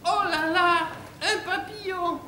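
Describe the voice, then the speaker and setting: A man's voice: extremely high pitch, fairly even intonation, slow pace, pushed and bright, pitched above the performer's own voice, exaggerated voice. A man voicing a ditzy, easily amazed young woman who squeals her exclamations. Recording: echoey room with background noise.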